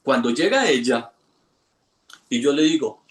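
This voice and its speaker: A man, an instructor telling a lively anecdote to a class and acting out the voices in it. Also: mid-range voice, a little slow, reverberant. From Colombia. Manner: animated storyteller, acts out quoted voices. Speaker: hypnosis instructor.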